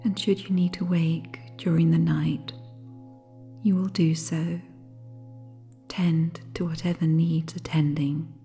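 A guided sleep meditation is led by a woman whose voice is low, soft, and breathy, with very little pitch movement. She goes very slowly and keeps her intonation level and nearly still, sounding gentle and soothing as faint singing bowl music plays.

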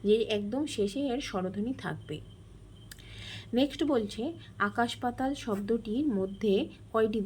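A woman's voice: medium pitch, darkish tone, slight background noise. A woman teacher explaining a grammar lesson step by step, asking questions and answering them.

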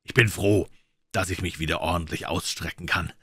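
A man reading an audiobook and voicing a calm, sharp-witted male detective. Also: low-pitched, moderate pace, slightly rough, no echo, studio quality. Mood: composed.

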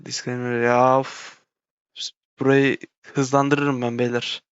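A man giving let's-play commentary on a horror game, confused and exasperated, swearing at it, with a dry throat he keeps clearing. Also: mid-range voice, flat delivery, slow, dry recording, dull audio. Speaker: gaming channel host.

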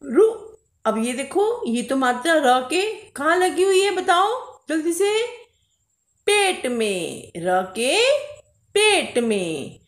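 Reading a Hindi lesson to little kids one syllable at a time, this woman teacher speaks in a high, sing-song voice with drawn-out vowels. She refers to herself as "ma'am" and calls the pupils beta, in an echoey room.

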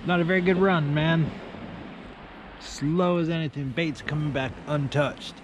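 A British angling vlogger in his forties chats to camera from a small tent on a beach at night, laid-back and often tagging remarks with "man." His voice is on the high side, steady, and unhurried. The outdoor camera audio is noisy.

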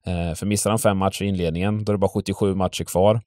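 Deep mellow guy chatting hockey bets, lots of ums, dry close mic. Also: level tone, no echo. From Sweden. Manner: hesitant, many fillers and restarts. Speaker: betting tipster host. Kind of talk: casual sports betting talk.

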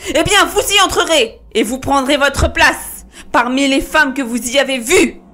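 A woman's voice: high-pitched, expressive, unhurried. A woman doing a cruel, commanding husband. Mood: menacing. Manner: cold, commanding orders. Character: cruel male murderer husband, menacing.

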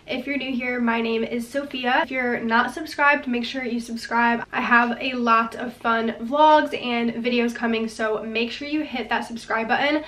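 A woman's voice: a little high, fairly even intonation, normal speed, hardly any pauses, a bit bright. A woman in her twenties chatting to camera as a lifestyle vlogger, a little stuffy from a recent illness, enthusiastic and full of "like". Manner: chatty, says "like" a lot, enthusiastic. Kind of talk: casual chat to camera. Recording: roomy echo, mic at a distance.

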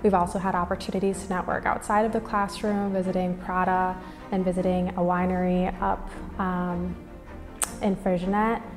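Speaking at a moderate pace with an even pitch, this young Minnesotan business school student offers an interview testimonial. The setting is indoors before a plain wall and banner, with hall reverb and music playing beneath her voice.

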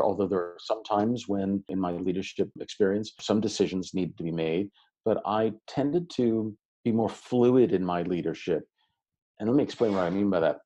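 A man over sixty with a low, mellow voice talks as a podcast guest. He speaks in a relaxed, welcoming and articulate way, with a few fillers, as he answers at length. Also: muffled recording. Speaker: podcast guest, education researcher. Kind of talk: reflective interview answers.

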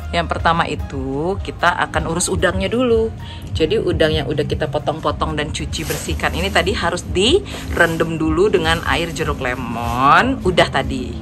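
A woman's voice: deep voice, moderate pace. A middle-aged woman casually directing her children through a cooking session in a home kitchen, playful and teasing, with music and clatter behind. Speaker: mother guiding kids through cooking. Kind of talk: casual instructional cooking chat.

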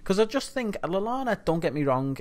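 A man's voice: sits high, very animated, fairly quick. A man co-hosting a podcast, chatting casually about football and putting questions to his co-host.

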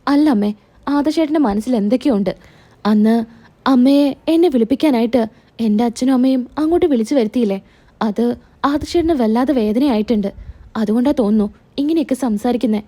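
A woman's voice: fairly high pitch, a little fast, long pauses, warm tone, lightly acted. A hurt, pleading young wife, read by a woman.

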